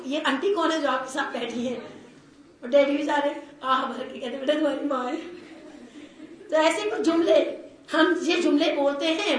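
A woman's voice: high-pitched, a bit bright. A woman delivering a religious sermon, telling stories with quoted dialogue and touches of humor. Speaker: religious preacher. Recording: very echoey hall.

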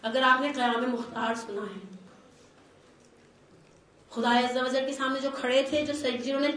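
A woman's voice: sits high, flat delivery, normal speed, fairly bright tone. A woman delivering a religious sermon, telling stories with quoted dialogue and touches of humor. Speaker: religious preacher. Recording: very echoey hall.

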